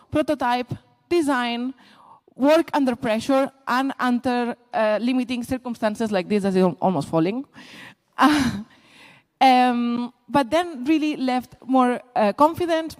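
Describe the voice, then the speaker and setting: A woman presenting a short poster pitch at a conference. She talks in a lively way, laughs easily and lists items briskly. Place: conference hall. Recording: echoey lecture hall.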